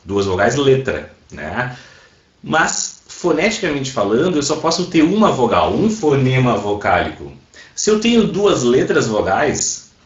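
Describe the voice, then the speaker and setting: A man teaching an online class, explaining patiently and often checking that his students are following. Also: medium pitch. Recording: roomy, dull sound. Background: airplanes passing overhead.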